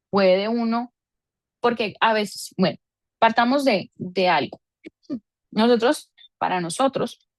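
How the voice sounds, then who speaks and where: A woman leads a family seminar, explaining with homely examples and diminutives. Her voice sits fairly high, and the sound is dry and close. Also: dry recording. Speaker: seminar teacher. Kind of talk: parenting seminar lecture.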